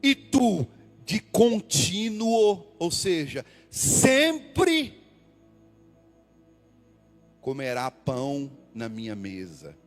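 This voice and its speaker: A man preaching with a lively, swooping pitch, speaking slowly and letting his words ring out. His sermon moves from loud, repeated calls to quiet asides. Long hall reverb and soft music sit behind him. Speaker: pastor. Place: church hall.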